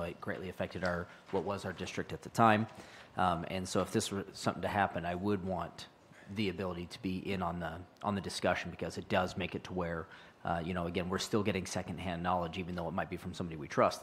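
A council member with a very low voice speaks up in a city meeting. He talks earnestly and leans on fillers. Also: slight background noise. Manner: earnest, filler-heavy with um and you know.

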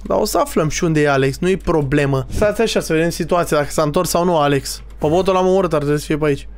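A young man giving casual, excitable gaming commentary, teasing other players and talking to his viewers. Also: fairly high pitch, a little hiss or hum. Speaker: streamer playing a Minecraft role-play server.

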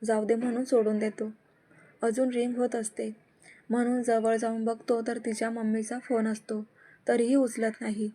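A woman narrating a serialized love story and reading all the characters' dialogue in one steady voice. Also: fairly high pitch, normal speed.

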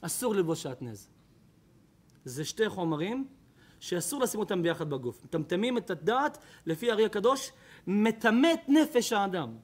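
A man's voice: sits high, sing-song, husky. A man, a rabbi, giving a Torah lecture to an audience, telling stories emphatically and addressing listeners by name.

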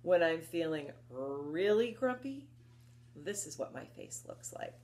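Reading rhymes and picture books to small children, a low-pitched woman speaks slowly and with deliberate care, her intonation swooping up and down. She is encouraging and expressive, asking her listeners questions, in a small book-lined room at home where a little hiss or hum can be heard.

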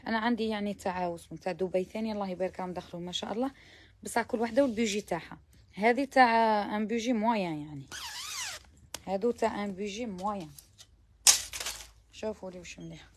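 A woman's voice: mid-range voice, quick pace, pauses often, a little mellow, a little hiss or hum. A woman with an Algerian Arabic accent showing abayas to viewers in a chatty shop walkthrough, mixing in French words and sometimes dropping to a near whisper. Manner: chatty, mixes French words, praising each garment. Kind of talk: live shopping try-on walkthrough.

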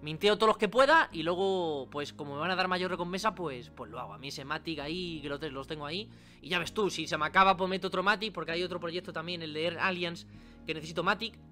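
Chatty bright-voiced man explaining. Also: a little high, fast, faint music behind. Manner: chatty, informal, many asides and tag questions. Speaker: crypto channel host. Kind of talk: screen-recorded tutorial.

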